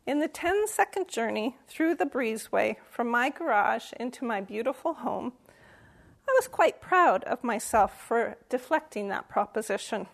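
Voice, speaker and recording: An older woman delivers an Advent message to a camera in a slightly high voice with a gravelly edge. She tells a self-deprecating story with dry humor and breaks into sudden emphatic bursts. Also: expressive, moderate pace. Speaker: lay church speaker.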